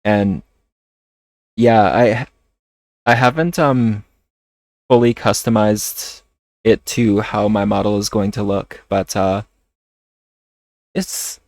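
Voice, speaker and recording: A man chatting casually on a livestream while playing a game, talking in a hesitant, halting way. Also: lowish voice, steady tone, darkish tone, no room sound. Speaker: streamer. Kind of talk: casual livestream chat over gameplay.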